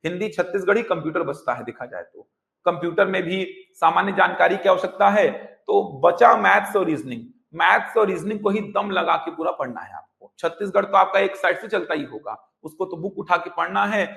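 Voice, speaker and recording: Male coaching teacher, bright edge, high voice, teaching in an echoey classroom. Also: lively intonation, a little fast, gravelly. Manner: explains by repeating terms in Hindi and English. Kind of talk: classroom lecture.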